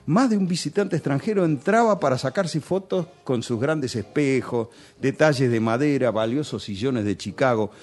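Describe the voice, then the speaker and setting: A man's voice: medium pitch, darkish tone. A man with a Rioplatense Spanish accent telling nostalgic, chatty stories on a radio show. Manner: nostalgic, chatty storytelling with local slang.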